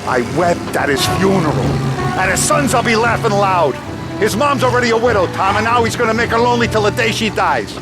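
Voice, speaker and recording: A hot-tempered mob boss swears vengeance in a gruff, profane voice. His pitch is fairly high and swings widely as he rants, over a loud game score. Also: expressive, a little fast, over loud music. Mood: vengeful. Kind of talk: video game cutscene acting.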